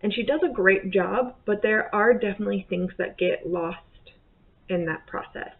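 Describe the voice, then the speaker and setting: A book vlogger in her thirties speaks at normal speed and medium pitch with vocal fry, casually covering the month's books. Rambling and self-correcting, she records from her bedroom or home office on a desk webcam, giving tinny, phone-like audio.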